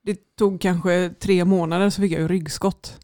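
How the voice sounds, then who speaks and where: A woman from Gothenburg, a guest in a casual chat, relaxed and chatty. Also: on the low side. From Gothenburg, Sweden.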